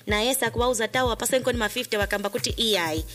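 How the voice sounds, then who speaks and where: Casting: female Zambian radio host, fairly high voice, phone-in promo style over a light music bed. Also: rapid-fire, fairly bright tone. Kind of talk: lively radio promotion and phone-in chat, mixing languages. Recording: music playing behind the voice.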